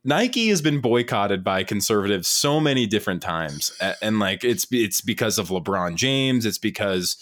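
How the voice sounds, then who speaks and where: A very low-voiced man co-hosts a casual podcast. He talks in a loose, laid-back way and keeps saying "dude" and "like". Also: sing-song, moderate pace, few pauses, a bit bright. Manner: loose, laughing, says dude and like a lot. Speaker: podcast co-host. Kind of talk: casual chat.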